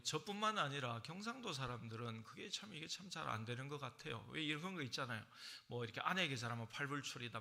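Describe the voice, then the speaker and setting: A middle-aged man with a Gyeongsang accent preaching a sermon in a church, telling stories in a conversational way and acting out what people say in sudden loud, high bursts. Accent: Gyeongsang Korean. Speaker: senior pastor. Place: church sanctuary.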